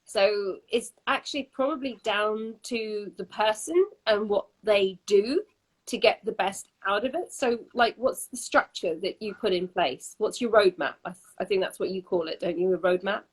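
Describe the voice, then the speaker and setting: A woman's voice: medium pitch, moderate pace, slightly rough, poor audio. A woman interviewer who asks long, rambling, hesitant questions.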